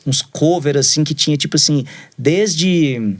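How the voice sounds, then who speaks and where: A man's voice: on the high side, unhurried. Rambling Brazilian man telling stories. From Brazil, raised in Minas Gerais. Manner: rambling storyteller, fills every phrase with "né" and "assim". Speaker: musician guest. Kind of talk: casual interview chat.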